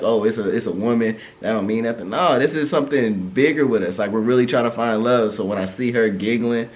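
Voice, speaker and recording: A man in his thirties co-hosting a couple's channel, chatting in a relaxed, joking, slangy way. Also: mid-range voice. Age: 30s. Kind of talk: casual chat.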